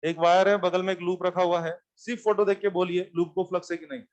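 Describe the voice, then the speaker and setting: A man teaching physics to a class, animated and often repeating questions back to students. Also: high-pitched, quick pace, dull audio. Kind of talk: classroom lecture.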